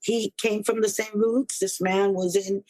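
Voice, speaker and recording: An older woman from New City, telling personal stories as a podcast guest in an expressive, conversational way. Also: mid-range voice, measured pace, no echo. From New York City. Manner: conversational, expressive, uses Spanish and Yiddish words. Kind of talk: reflective personal storytelling.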